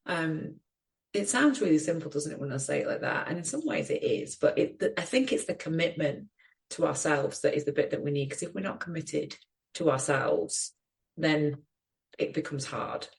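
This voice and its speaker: A woman's voice: low voice, lively intonation, moderate pace, vocal fry. A middle-aged woman co-hosting a podcast, talking in an earnest, reflective way with many "you know"s. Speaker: podcast co-host. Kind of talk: casual chat.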